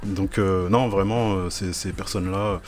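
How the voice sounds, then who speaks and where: A man from the French Caribbean talks about his music in a relaxed, hesitant way and fills his pauses with "euh". His voice sits low. Music plays loudly behind him. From Martinique and Guadeloupe. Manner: hesitant, many fillers. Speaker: guest singer. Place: music studio or radio set.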